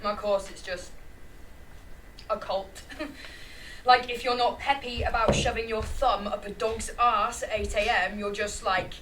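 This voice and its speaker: A woman's voice: mid-range voice, fairly even intonation, measured pace, pauses often, fairly bright tone, roomy sound, lightly acted. A woman in a rehearsed play reading, acting an exasperated, sarcastic young student with an emphatic manner. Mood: sarcastic, weary. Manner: sarcastic, emphatic, swings into mock-archaic exclamations. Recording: distant mic, faint noise.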